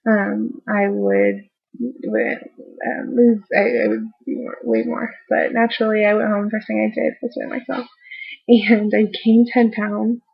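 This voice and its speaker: Gravelly, tired woman recovering from surgery. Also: on the high side, flat delivery, lo-fi sound. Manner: halting, trailing off mid-thought. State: tired and sore after recent surgery. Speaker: vlogger giving a post-surgery update. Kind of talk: casual rambling video diary.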